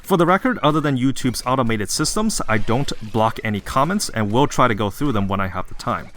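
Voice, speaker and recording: Apologetic man with lively, varied intonation. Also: medium pitch, brisk, slight background noise. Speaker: YouTube game reviewer. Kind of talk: scripted narration.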